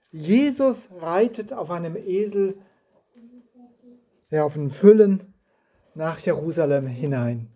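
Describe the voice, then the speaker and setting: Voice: mid-range voice, warm tone. A preacher giving a sermon indoors in a house, reading scripture and asking the listeners reflective questions.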